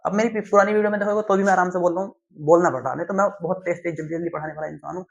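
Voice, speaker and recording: Slow-explaining tutor, muffled sound. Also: male voice, sits high, steady tone, vocal fry. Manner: slow, deliberate explaining with frequent "theek hai" check-ins. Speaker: teacher. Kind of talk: classroom lecture. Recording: dull lo-fi sound.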